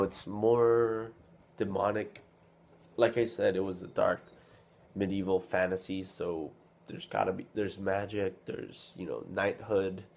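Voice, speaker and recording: A man's voice: deep voice, gravelly, darkish tone. A man talking casually to camera about a comic he loves, rambling with many fillers and restarts, a little sick. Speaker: vlogger reviewing a manga. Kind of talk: casual unscripted talk to camera.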